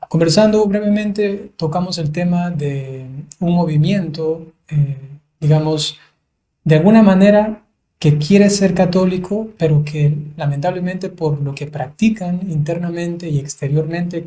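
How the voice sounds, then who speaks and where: A man, a priest, hosting a livestreamed conversation, speaking in a measured way with frequent fillers. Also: on the high side, mellow. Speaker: priest, host.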